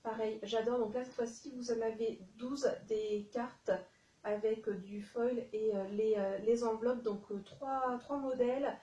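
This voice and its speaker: A woman's voice: fairly high pitch, steady tone, a little slow, warm tone, echoey room, far from the mic, highs cut off. A woman chatting through a casual haul vlog, hesitant with many fillers and restarts, talking straight to her viewers. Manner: chatty, addresses viewers directly. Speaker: YouTube haul vlogger. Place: room at home, dim light.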